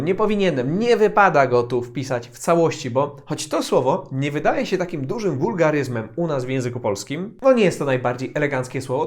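A man teaching English phrases in a scripted online lesson, acting out short example exclamations with playful variety. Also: on the high side.

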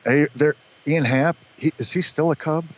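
A man hosting a live stream, casually chatting and naming each card as he opens packs. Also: a little high. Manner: upbeat, names each card quickly with short reactions. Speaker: show host opening card packs. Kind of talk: casual chat, calling out cards.

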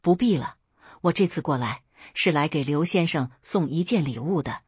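A woman's voice: sits low, lively intonation, normal speed, breathy edge, dry recording, highs cut off, heavily acted. A woman voicing a smiling scheming officer. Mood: smooth.

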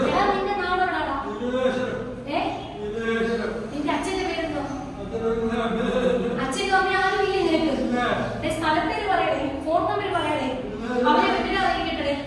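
A woman's voice: extremely high pitch, measured pace, pauses often. A woman playing a shop owner who scolds an intruder and repeats her commands. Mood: stern. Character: stern woman shopkeeper confronting an intruder. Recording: echoey room from far off, noisy.

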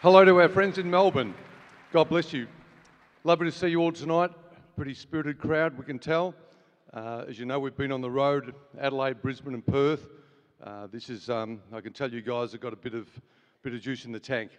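At a church event in a large hall, a male host welcomes the live audience and leads an opening prayer, earnest and full of fillers and small restarts. His medium-pitched voice moves a little fast, and the hall sounds reverberant.

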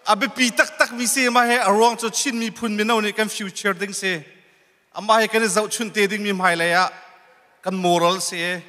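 A man presents an award in a bright, high, forceful voice and a ceremonial manner. His words ring with the long reverb of a big hall. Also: fairly even intonation, moderate pace. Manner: formal, ceremonial. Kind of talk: stage announcing.

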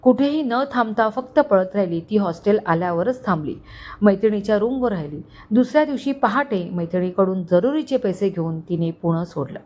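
Female storyteller, scripted story narration, steady and expressive. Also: mid-range voice, brisk.

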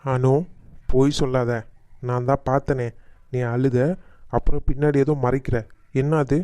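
A man's voice: mid-range voice, flat delivery, a little slow, mellow, clear, resonant tone, no room sound, close to an everyday voice. A man voicing a protective young husband in a cartoon, insistent and questioning. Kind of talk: cartoon voice acting.

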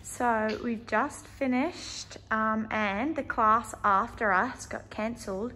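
A woman's voice: a little high, slow pace. A young woman vlogging casually into a handheld phone, chatty and confiding, laughing at herself. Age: young adult. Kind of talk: casual vlog chat. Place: home kitchen and city streets. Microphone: phone camera held close.

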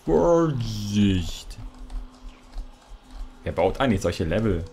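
A man's voice: lowish voice, big pitch swings, takes it slowly, warm tone. A young man from Saxony-Anhalt in Germany, chatting playfully through a co-op video game and joking as he plays. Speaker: let's play host. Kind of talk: casual co-op gaming chat.

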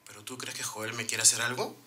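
An actor playing an earnest, wary office employee in a telenovela. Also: male voice, mid-range voice, steady tone, quick pace, sharp tone, slight background noise. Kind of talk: telenovela acting.

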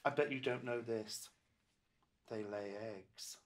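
An older man reading a picture book to small children as if to toddlers, in an animated, coaxing way with questions and asides. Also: mid-range voice, takes it slowly. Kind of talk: reading to young children, interactive storytelling. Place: small children's room indoors, seated close to young children.

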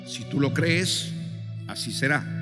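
A male preacher delivering a fervent sermon, pushing into shouted call-and-response and then dropping to low, earnest appeals. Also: animated, slow. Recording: long hall reverb with faint music.

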